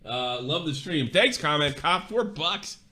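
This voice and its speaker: A man's voice: a little high, expressive, a little slow, sharp tone. A man with a North American accent hosting a football stream, chatting casually and commentating loosely in colloquial, mildly sweary language. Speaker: host of a football watch-along stream.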